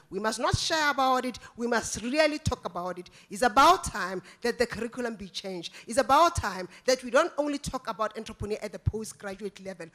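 A woman in the audience giving an impassioned comment into a handheld microphone in a large conference hall, slowing down to stress her points. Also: on the high side, a bit bright. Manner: emphatic, insistent, slows down to stress points. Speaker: audience member at a panel, university staff.

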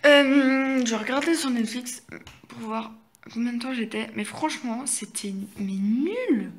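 A woman's voice: on the high side, measured pace. A sixteen-year-old girl, chatting in a rambling, hesitant way in a home vlog filmed on a phone held at arm's length. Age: teenager, 16. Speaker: vlogger. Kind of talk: casual chat vlog. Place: at home during lockdown.

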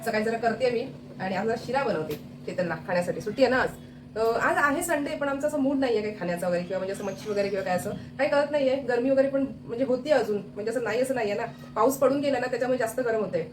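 A woman hosts a casual family vlog from her home kitchen, speaking straight to the people watching. She talks fast and keeps up a chatty run of words, filling the gaps with fillers as she goes. Her phone picks up a clear layer of household noise all around her. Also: on the high side. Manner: chatty, addresses viewers directly, many fillers. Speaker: family vlogger. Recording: noisy home ambience.

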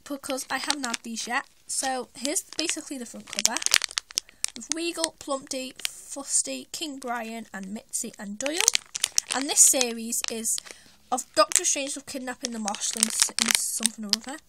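A woman doing an excited toy unboxing review, who talks eagerly and squeals when she finds something new. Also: high voice. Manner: excitable, squeals names of toys. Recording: loud background noise, packaging crinkling.

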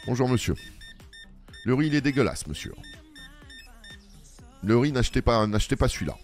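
Faint music plays behind a let's play gamer whose mid-range voice has a sing-song lilt at a moderate pace. Acting as a cashier in a shop game, he playfully answers back to customers and an unheard boss.

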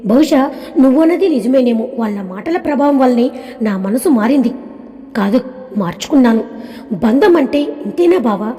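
A woman voicing an innocent, affectionate young wife who talks gently and pleadingly. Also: on the high side, animated, moderate pace, close to an everyday voice. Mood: tender. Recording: long reverb.

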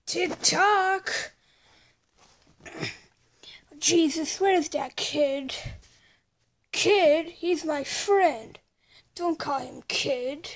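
A woman performing an improvised toy skit, voicing every part herself and switching quickly between characters with playful exclamations. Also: high voice.

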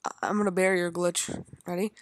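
In a very noisy recording, a young woman gives casual, rambling commentary while gaming, talking to herself and her audience. Her voice is lowish, a little fast, with little pitch movement.

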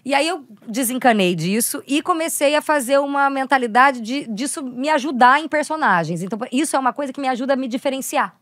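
A woman's voice: sits high, lively intonation, fairly quick, few pauses, fairly bright tone, no room sound, clean studio sound. A young woman, chatting animatedly as an actress guest on a podcast. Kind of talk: casual podcast chat.

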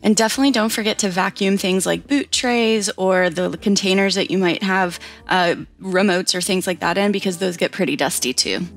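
A woman in her thirties giving casual, practical cleaning tips in a relaxed, chatty voice-over. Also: mid-range voice, moderate pace, hardly any pauses. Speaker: home cleaning vlogger. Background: faint background music.

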